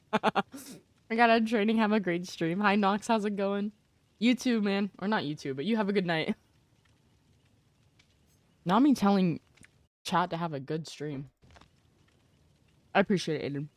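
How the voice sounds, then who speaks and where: A woman's voice: mid-range voice, a little slow, pauses often, dry recording. A young adult woman streaming live, chatting casually with her chat while gaming and greeting viewers by name.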